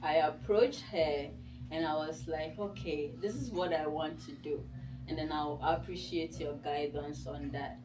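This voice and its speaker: Recorded on a distant mic in a noisy room, a woman with a low, slightly slow voice speaks as a guest author. She has a Ghanaian accent, her native language is Nzema, and her informal personal talk unfolds as conversational storytelling in which she voices her own past thoughts.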